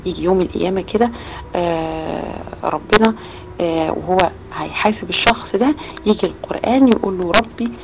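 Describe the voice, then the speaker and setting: A woman's voice: fairly low pitch, brisk, creaky. A woman with an Egyptian accent giving a lesson to children, explaining with many rhetorical questions. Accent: Egyptian Arabic. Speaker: children's religious teacher. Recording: loud background noise with clicks.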